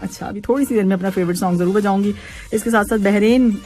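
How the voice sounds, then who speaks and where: A woman's voice: mid-range voice, quick pace, a little mellow, soft background music. A woman radio host chatting casually on air, reading out listener messages and laughing often. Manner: chatty, laughs often, mixes in English words. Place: radio studio.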